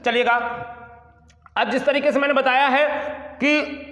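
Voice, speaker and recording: A man's voice: very high-pitched, steady tone, a little slow, bright, forceful tone. A male teacher giving a grammar lesson, spelling words out letter by letter and often checking that students follow. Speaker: English teacher. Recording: echoey room with long reverb.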